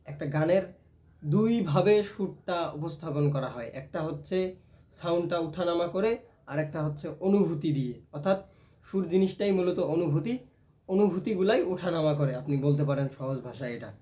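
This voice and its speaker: A man's voice: fairly high pitch, normal speed, dark tone. A man teaching a casual ukulele lesson, explaining step by step and often checking in with "right?". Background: ukulele playing.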